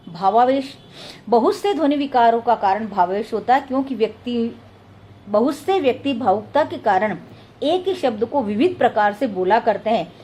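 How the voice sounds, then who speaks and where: A woman teaching a lesson in a steady, explanatory lecture style, slowing down to spell out word examples. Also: fairly high pitch, slight background noise. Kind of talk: lecture read from notes.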